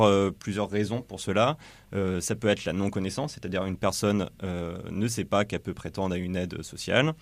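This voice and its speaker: A low-voiced man giving a radio report from a studio, earnestly explaining his subject. He often pauses and searches for words as he goes. The sound is close and dry, with no room echo.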